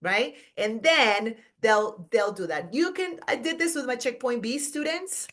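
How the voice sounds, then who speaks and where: A woman's voice: a little high, lively intonation, a little slow, a bit bright. A middle-aged woman teacher giving a conference workshop talk, chatty and informal, checking in with "right?" and correcting herself mid-sentence. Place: conference room.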